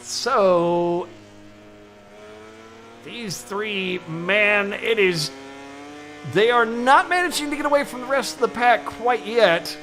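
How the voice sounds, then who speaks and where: A man calling a sim racing event as play-by-play commentator, excitable and quick to exclaim. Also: high-pitched, faint music behind.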